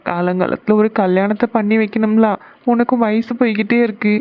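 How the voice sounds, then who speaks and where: A woman's voice: mid-range voice, steady tone, a little fast, no room sound, phone-quality sound, natural voice. A woman voicing a caring middle-aged aunt in a cartoon family serial, explaining and coaxing.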